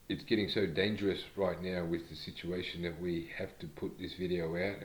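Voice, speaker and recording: Blunt man with a low echoing voice. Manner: blunt, argumentative, rhetorical questions, many fillers. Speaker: group leader addressing followers. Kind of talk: direct-to-camera monologue.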